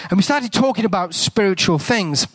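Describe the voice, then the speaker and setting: The speaker, a man with an English accent, has a high, expressive voice at normal speed with no echo. As a guest preacher, he delivers a sermon through a chatty, conversationally told story, and his voice sinks to a hushed whisper during prayer.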